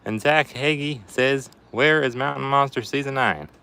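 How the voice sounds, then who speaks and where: A man's voice: mid-range voice, normal speed, vocal fry, bright, forceful tone, clean tone. A man chatting casually as a livestream host and reading out viewer comments, putting on a folksy Appalachian hillbilly accent to disguise his voice. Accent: put-on Appalachian hillbilly. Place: outdoors in a backyard.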